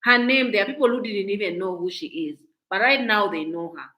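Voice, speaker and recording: A woman with a Kenyan accent delivers reaction commentary straight to her viewers. Her voice sits at an ordinary middle pitch. She talks in an outspoken, indignant way, repeating and restarting phrases as she makes her points. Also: fairly quick, sharp tone, rough recording. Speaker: commentary vlogger.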